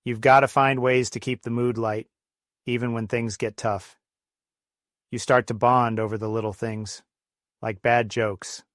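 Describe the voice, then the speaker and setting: Middle-aged male storyteller, mid-pitched and level, telling corny dad jokes in a scripted monologue, dry recording. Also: no room sound. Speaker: comedy storyteller and host.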